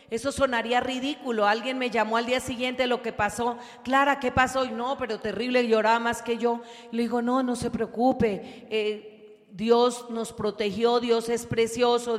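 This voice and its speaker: A woman preacher giving a fervent sermon, building to loud, emphatic calls. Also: on the high side. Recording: long hall reverb.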